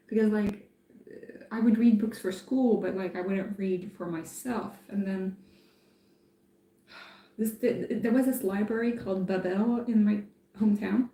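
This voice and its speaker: In an echoey room, a woman who grew up in France talks on a live stream with a mellow, mid-range voice. She's relaxed and thinks aloud, pausing often and using plenty of fillers.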